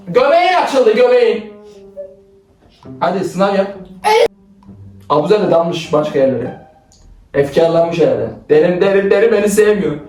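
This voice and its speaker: A young man bossily directing his little sister through a playful skit, teasing her and often laughing. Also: sits high. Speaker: older brother directing a skit. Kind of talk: playful sibling role-play skit. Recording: roomy, from a distance, faint music.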